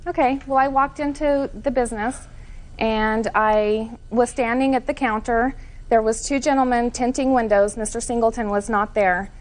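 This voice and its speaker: A woman testifying as plaintiff in court, telling her side in an earnest, detailed, somewhat defensive way. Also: on the high side.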